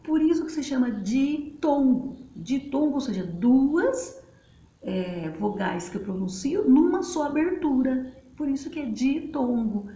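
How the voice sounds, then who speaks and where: A woman's voice: high-pitched, animated, measured pace, mellow. A woman teacher, patiently explaining at a board and spelling out syllables in a chatty way. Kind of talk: casual classroom explanation. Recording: roomy, faint background noise.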